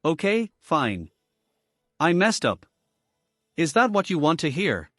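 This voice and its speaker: A man's voice: fairly high pitch, sing-song, slow, a bit bright, no room sound, clean studio sound, faint music behind, full character voice. A man voicing a defiant young wife who brushes off blame with scorn. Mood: dismissive. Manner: scornful, eye-rolling, deflecting.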